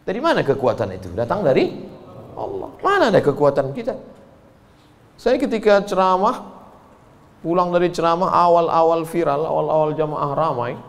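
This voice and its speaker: Delivering a sermon at a normal speed, this preacher pauses often, his voice on the high side. He brings his stories to life by animatedly performing the voices of their characters.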